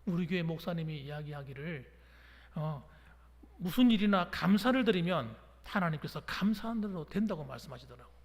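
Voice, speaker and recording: Animated Korean pastor in a church hall. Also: male voice, fairly high pitch, moderate pace. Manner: animated, acts out dialogue in story. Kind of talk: sermon with storytelling. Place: church sanctuary.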